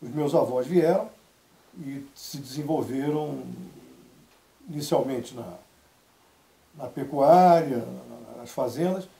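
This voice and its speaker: In a TV studio with a roomy sound, a mid-range-voiced man from Salvador, Bahia, Brazil, tells stories of his life on an interview show. His relaxed storytelling is measured, broken up by lively asides quoting other people.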